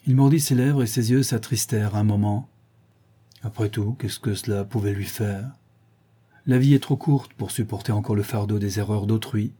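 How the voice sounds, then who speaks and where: A man in scripted audiobook narration, reading a classic novel in a measured way. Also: fairly low pitch, warm tone, husky.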